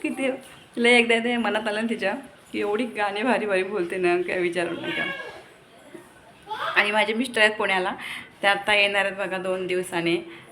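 A woman's voice: mid-range voice, fairly even intonation, normal speed, pauses often, noisy background. A young woman from Maharashtra, a mother of two, chatting casually to her viewers at home and scolding her kids in between. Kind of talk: casual family vlog chat to viewers. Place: home with a gallery.

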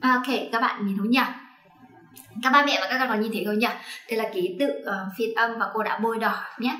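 Her voice sits on the high side, steady yet forceful, bright and fairly fast. She's leading parents and kids through English pronunciation online, encouraging and checking their progress, in an echoey room with soft music playing behind her.

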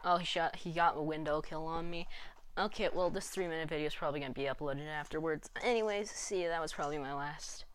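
Rambling woman gaming host, low-pitched. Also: fast talker, a little hiss or hum. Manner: rambling, self-deprecating, apologetic. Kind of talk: casual gameplay commentary.

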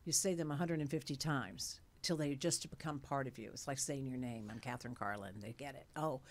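Very deep and a little fast, her voice carries through a casual interview chat where she appears as an actress guest in her late sixties. She speaks animatedly with many fillers into a studio mic on a stand, in a studio with dark curtains and blue lights.

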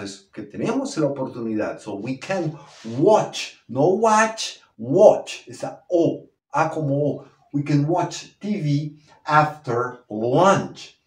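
A man teaching a language lesson, slowly modelling the pronunciation of example phrases. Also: a little high. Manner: slow, drawn-out model pronunciation of English phrases. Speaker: English teacher. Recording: echoey room.

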